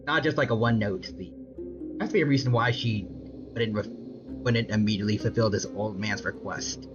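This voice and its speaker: Male streamer, young, lively intonation, rambling casual reactions, slightly dull audio with clear music behind. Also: fairly low pitch, normal speed. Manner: rambling, thinking aloud, joking. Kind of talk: casual commentary. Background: game music.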